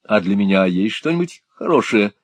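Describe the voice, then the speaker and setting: A man's voice: lowish voice, big pitch swings, moderate pace, slightly rough, no room sound. Male reader as an anxious grumbling pantomimist. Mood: fretful. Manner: anxious, complaining. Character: fretful male pantomime actor.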